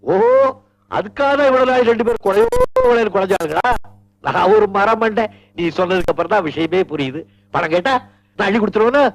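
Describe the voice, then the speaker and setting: A lively, teasing film husband. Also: male voice, high-pitched, fairly quick, gravelly, slight background noise, heavily acted. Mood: blustering. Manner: theatrical, teasing, flares into mock anger. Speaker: male lead. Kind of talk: 1980s Tamil film acting.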